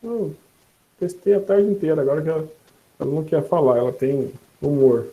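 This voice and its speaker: A man with a Brazilian Portuguese accent giving a casual online lesson, talking in a relaxed, chatty way with laughs and self-corrections. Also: a little high, a little fast, narrow, tinny audio. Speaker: instructor demonstrating a voice assistant.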